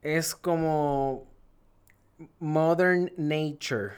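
A man's voice: on the high side, very slow, clean tone. Chatty man hosting a podcast. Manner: animated, rambling, laughing. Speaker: podcast host. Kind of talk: casual chat.

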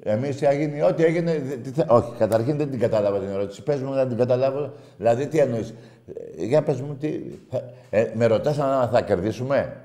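A man co-hosting a comedy show, arguing loudly and ranting at length in heated football banter. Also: mid-range voice. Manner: loud, argumentative, rants at length. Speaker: co-host of a comedy radio show.

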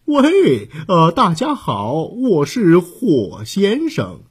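A man's voice: high voice, big pitch swings, measured pace, a little mellow, breathy edge, exaggerated voice. A man voicing a polite, clumsy little fire man who keeps apologizing. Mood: apologetic. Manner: apologetic and courteous. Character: polite clumsy man with a flame on his head.

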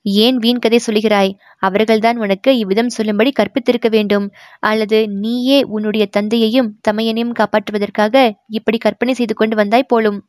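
A woman's voice: on the high side, little pitch movement, brisk, a little mellow, no room sound, natural voice. Woman reading a stern, proud royal princess for an audiobook, dry close sound. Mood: reproachful. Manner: stern, reproachful.

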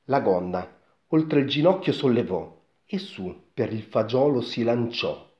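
A man's voice: mid-range voice, expressive, measured pace. A man reading a rhyming story aloud with a theatrical, lingering delivery, on a dull lo-fi recording.

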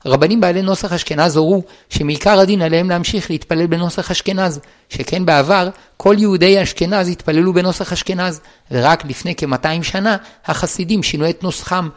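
A man reading a religious law book aloud in a measured, even, formal recitation. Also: sits high. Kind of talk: formal read-aloud of a text.

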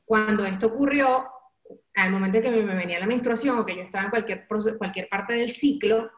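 A woman from Valencia, Venezuela, speaks with a Venezuelan accent as an interview guest sharing her own story; she's also a radio and event host. She talks briskly, candidly, expressively and confidingly, with many colloquial turns, at a mid-range pitch for a woman. The room adds a clear, roomy echo.

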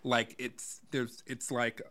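Bright-voiced man explaining his musical. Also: mid-range voice, flat delivery, slow. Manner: rambling, restarts, lots of "sort of" and "like". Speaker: co-writer of a musical. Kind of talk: casual chat.

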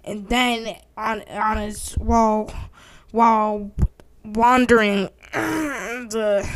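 A woman's voice: on the high side, fairly even intonation, extremely slow, slight background noise. A woman improvising a silly story with a friend, playful and giggly, often slipping into silly voices.

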